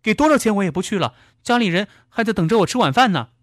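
A man voicing a frightened young woman taxi driver who pleads in a high, rushed voice. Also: very animated, darkish tone, no room sound, clean studio sound. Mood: frightened, pleading.

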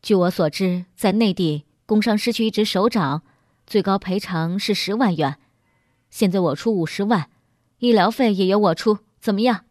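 Lady putting on a gruff boss guy, deeper than her own voice, loud and pushy, storybook character. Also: normal speed, no room sound, clean studio sound, natural voice. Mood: brusque. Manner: loud, blunt bargaining. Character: middle-aged male businessman, brusque and hurried.

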